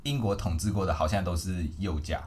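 A man's voice: deep voice, fairly quick, darkish tone, a little hiss or hum. A man from Malaysia hosting a podcast, chatting playfully and mixing in English phrases. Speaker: podcast host. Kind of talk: casual chat.

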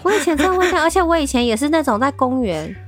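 A woman's voice: high-pitched, very fast, soft background music. A woman, co-hosting a casual talk show and telling stories with animation and frequent laughs. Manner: animated storytelling, often laughing. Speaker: podcast co-host. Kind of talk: casual chat.

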